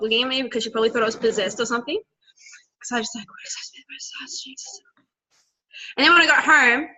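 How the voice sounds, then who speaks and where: A woman's voice: a little high, bright, forceful tone. A woman chatting on a team video call, telling a run-on story with one thing after another. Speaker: team member sharing on a call. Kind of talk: casual chat. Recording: dull video call audio.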